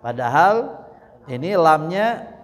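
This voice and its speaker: Man, Sundanese accent, recitation lesson, unhurried delivery, patient explaining, chanted examples. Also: fairly high pitch, big pitch swings. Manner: explains patiently, then demonstrates by chanting words slowly. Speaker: Quran recitation teacher. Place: mosque study session. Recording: long hall reverb.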